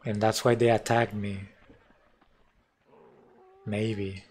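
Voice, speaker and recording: A man's voice: lowish voice, little pitch movement, slow pace, slight background noise. A man commenting as he plays a mobile game on a live stream, wry and self-mocking, talking to himself and his chat.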